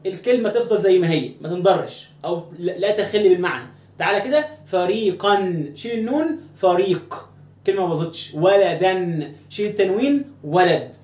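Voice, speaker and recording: A man with an Egyptian Arabic accent teaches a grammar lesson at a brisk pace, stretching out each example word. He keeps asking questions and answering them himself. The room around him rings with echo. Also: sits high, darkish tone. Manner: drills words slowly, asks and answers his own questions.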